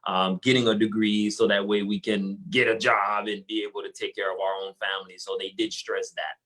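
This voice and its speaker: A man's voice: fairly low pitch, little pitch movement, fairly quick, fairly bright tone, low-quality recording. A young man from Haiti, a guest entrepreneur, talking casually and earnestly with many fillers and restarts in an interview. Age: young adult.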